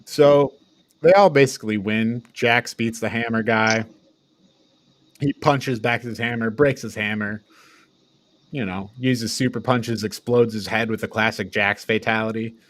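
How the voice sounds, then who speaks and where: A man with a fairly low, steady voice speaks a little slowly as a podcast co-host reviewing films. The discussion is casual and informal, and he recaps things in an offhand way.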